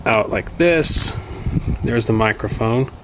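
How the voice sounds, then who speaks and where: A man's voice: mid-range voice, lively intonation, slow. A man casually vlogging outdoors in his backyard, thinking aloud and poking fun at himself while he tries out a camera and a shotgun mic. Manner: rambling, self-deprecating, thinking aloud. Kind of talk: casual unboxing and testing vlog. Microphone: camera mic, then shotgun mic with windscreen. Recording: noisy outdoor camera recording.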